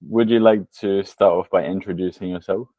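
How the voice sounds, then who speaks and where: A man's voice: deep voice, fairly even intonation, moderate pace, mellow, no echo, low-quality recording. A man hosting a podcast in a casual chat, asking friendly, encouraging questions. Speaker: podcast host.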